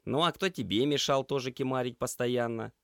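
A man voicing a cheerful, energetic young male paramedic trainee who talks briskly and teases his friend. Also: medium pitch, gravelly, no room sound, studio quality, voice pushed up. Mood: upbeat. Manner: brisk, upbeat and teasing.

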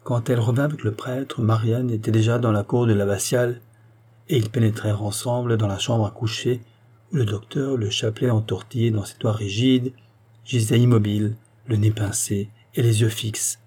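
A man narrating a novel as an audiobook, with a measured, even delivery. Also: on the low side, husky. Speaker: audiobook reader.

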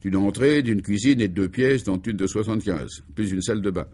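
A man playing an excitable, pompous male security chief in a radio serial, who talks in an emphatic, declamatory way. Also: fairly low pitch, a little fast, husky. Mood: indignant. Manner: agitated and exclamatory. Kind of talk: 1950s-style French radio serial acting.

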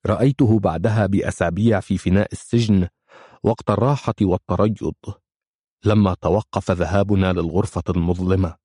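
A man reading a first-person audiobook story in a measured, somber manner. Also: deep voice, mellow, breathy edge, no room sound, clean studio sound. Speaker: audiobook narrator.

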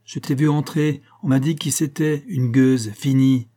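A man's voice: medium pitch, steady tone, a little slow, dark tone, pitched above the performer's own voice, lightly acted. A man reading aloud, voicing a proud, furious young opera singer who scolds and commands. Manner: imperious, scolding.

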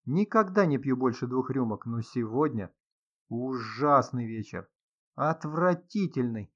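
A man's voice: mid-range voice, lively intonation, husky. A man voicing an agitated young man who snaps sharply, on a slightly dull recording. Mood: gloomy. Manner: agitated, sharp, quick to snap.

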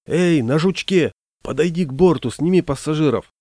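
A man voicing a whiny, anxious fishing-boat captain who laments and shouts orders. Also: mid-range voice, normal speed, no echo, clean studio sound, close to an everyday voice. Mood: wailing scolding.

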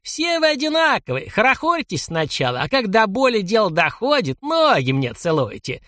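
A man voicing a scrawny, cackling old jailer boss with a creaky, high voice and a mocking, bossy, drawn-out way of talking. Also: huge pitch swings, bright, forceful tone, dry recording, studio quality, heavily acted. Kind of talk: audiobook character voice.

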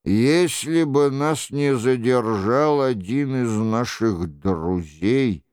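A man's voice: medium pitch, takes it slowly, a little mellow, clear, resonant tone, no echo, studio quality, natural voice. A man reading an audiobook, voicing a stern young nobleman who speaks harshly and accusingly.

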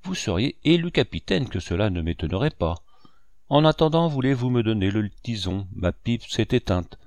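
A man voicing a cunning old pirate captain in an audiobook, calm and mocking in manner. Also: fairly low pitch, normal speed, no room sound. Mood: sly. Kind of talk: audiobook reading.

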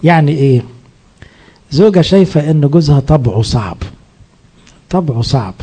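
Man, priest, Egyptian accent, sermon, warm mellow tone, husky voice, asks and answers his own questions. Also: on the high side, lively intonation, brisk. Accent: Egyptian Arabic. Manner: explanatory, poses rhetorical questions and answers them.

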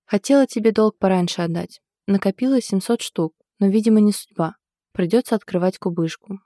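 A woman voicing a weary, glum young woman in an audiobook, with a flat, sighing delivery. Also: mid-range voice, brisk, no room sound, studio quality, close to an everyday voice.

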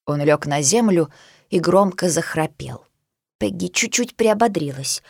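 A woman's voice: on the low side, lively intonation, a little slow, gravelly, darkish tone, husky, no room sound, clean studio sound. Woman reading a children's storybook. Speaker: narrator.

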